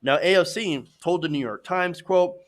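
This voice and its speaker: Speaking at a moderate pace in a high, slightly hoarse voice, a progressive political news host addresses viewers directly. His commentary is emphatic and opinionated.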